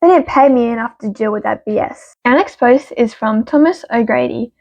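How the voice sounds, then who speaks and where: This woman reads stories aloud with a lifted, gravelly vocal fry, lively and full of quick, punchy asides. The sound is close and dry, a bit dull and muffled, slightly high, with no echo at all.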